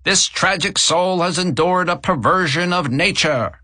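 A man's voice: measured pace, sharp tone, no echo, exaggerated voice. A man doing a brash, tinny carnival barker. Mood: dramatic. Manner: showy, booming sales patter. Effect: tinny, as through a megaphone.

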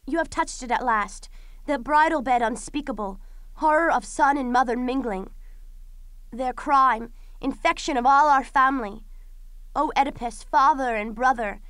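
A doomed young tragic princess, acted by a woman, speaks in a high, smooth, resonant voice. She declaims her grief solemnly, with defiance, as in classical Greek drama. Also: a bit bright, dry recording. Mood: bitter grief. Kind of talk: classical Greek tragedy audio performance.

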